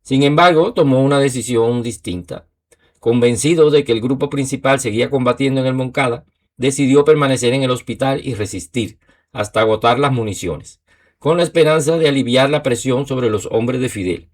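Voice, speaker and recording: A man narrating a history documentary in a measured, steady way. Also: mid-range voice.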